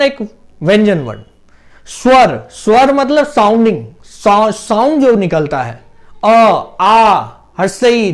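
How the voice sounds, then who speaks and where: Slow, high-voiced man teaching grammar. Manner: explains step by step, asks and answers his own questions; drags out vowel sounds when demonstrating pronunciation. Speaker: English teacher. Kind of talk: classroom-style grammar lesson.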